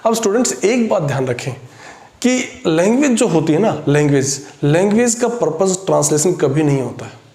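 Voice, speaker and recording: Male tutor, voice on the higher side, lectures in mixed Hindi and English, repeats each point and slows down for English terms; roomy echo. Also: big pitch swings, dark tone. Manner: slows right down for English phrases. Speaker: teacher. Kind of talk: exam-prep lecture mixing Hindi and English. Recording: echoey room.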